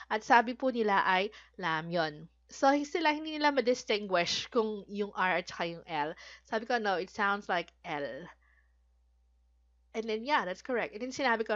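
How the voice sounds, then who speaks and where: A woman's voice: mid-range voice, fairly bright tone, muffled recording. A woman from the Philippines teaching a language lesson, patiently repeating each word and speaking politely. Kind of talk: Korean vocabulary lesson in Filipino.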